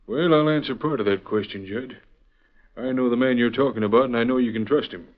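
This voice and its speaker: Actor as calm, shrewd old western lawman. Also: mid-range voice, a little fast, lightly acted. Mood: calm, probing. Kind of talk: old radio western acting. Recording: dull lo-fi old radio recording.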